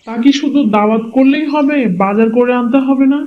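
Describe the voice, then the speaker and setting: Here the same affectionate, teasing village husband, easygoing and indulgent toward his wife, is voiced very high and fairly quickly by a man in cartoon moral-story acting. He comes across eager and agreeable, though the lo-fi audio is dull and noticeably noisy.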